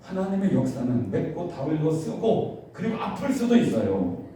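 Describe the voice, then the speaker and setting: A male pastor preaching a sermon in a church, animated, with his voice rising to fervent cries when he acts out prayers. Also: fairly high pitch, moderate pace. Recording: echoey church hall from far off, faint hiss.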